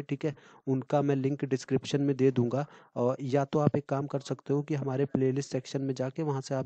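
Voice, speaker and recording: A man's voice: mid-range voice, dark tone, no echo, lo-fi sound. A man tutoring exam candidates in a casual, chatty lecture, full of fillers and frequent "okay" check-ins.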